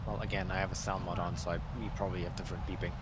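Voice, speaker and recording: A man chatting casually with a friend while playing a game, swearing loosely and calling out threats quickly. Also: low-pitched, little pitch movement. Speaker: gamer on stream. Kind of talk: casual gaming voice chat. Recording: loud background noise.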